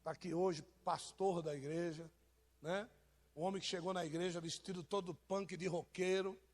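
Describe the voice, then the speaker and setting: A man's voice: high-pitched, fairly even intonation, normal speed. A man with a Brazilian accent, preaching an informal sermon and joking with members of his congregation. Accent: Brazilian Portuguese. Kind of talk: informal sermon to a live church.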